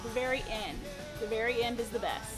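A woman showgirl talks casually in an interview. Her voice is high, and music is clearly audible behind her. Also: fairly quick, low-quality recording. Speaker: traveling showgirl being interviewed.

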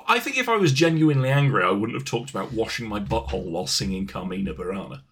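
A man's voice: fairly low pitch, lively intonation, fast, a bit bright, husky. A man co-hosting a podcast in casual chat, joking drily and restarting his sentences. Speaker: podcast co-host.

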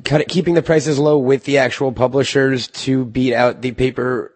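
A man of mid-range pitch co-hosts a casual interview. He breaks in with loose, offhand questions and jokes. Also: fairly even intonation, normal speed, darkish tone.

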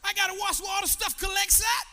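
A pastor putting on an indignant proud warrior, shouting high. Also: male voice, big pitch swings, moderate pace, in a large hall, soft background music, full character voice. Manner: shouting, complaining, mocking.

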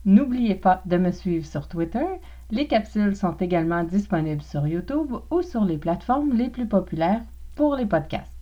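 A woman with a Québécois accent teaching French pronunciation in a podcast lesson, speaking slowly and carefully and demonstrating sounds one at a time. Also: medium pitch, animated, mellow, muffled recording.

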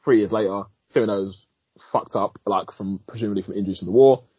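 A husky-voiced man rambles through a film recap in casual podcast chat, animated and swearing freely, laughing as he goes. The sound is dry and a little dull, like a lo-fi home recording. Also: lowish voice, fairly quick, no room sound. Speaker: podcast co-host, film critic.

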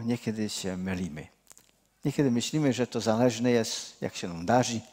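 A man's voice: medium pitch, a little mellow. Earnest male preacher. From Czech Cieszyn region. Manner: earnest, addresses listeners directly, often restarts, rises when stressing a point. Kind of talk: sermon.

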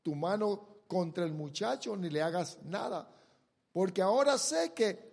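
A man preaching a sermon, retelling a Bible story and acting out the characters' lines, with dramatic jumps between loud bursts and quiet drawn-out words. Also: sits high, expressive, creaky.

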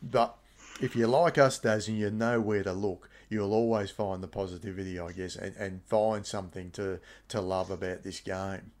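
A man hosting a podcast, introducing his co-host and setting up topics in a measured, articulate way. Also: low voice, fairly even intonation, a little mellow. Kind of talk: casual chat.

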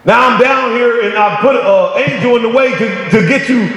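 A man preaching a sermon, calling out to the congregation and rising to shouts on key points. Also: extremely high pitch, normal speed. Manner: call-and-response preaching, "come on, somebody". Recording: echoey hall with long reverb.

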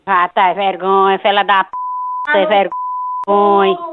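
A woman, heard over the phone as the target of a prank call, talking bluntly and suspiciously and quick to throw insults. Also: medium pitch, little pitch movement. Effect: heard over a phone line. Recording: tinny narrowband phone line.

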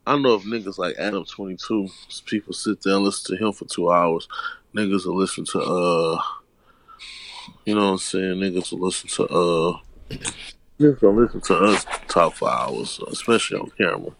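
Laid-back Houston rapper, dry sound. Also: male voice, low-pitched, normal speed, gravelly, fairly bright tone, dry recording. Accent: Southern US, Houston. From Houston, Texas. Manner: laid-back, slangy, rambling with restarts. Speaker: guest rapper. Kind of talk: casual interview chat.

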